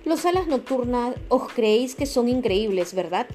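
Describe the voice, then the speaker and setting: A woman's voice: fairly high pitch, lively intonation, normal speed, dark tone, close to an everyday voice. A woman voicing a guarded, sarcastic young female dragon in an audiobook, over faint music. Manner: sarcastic, dry, mocking.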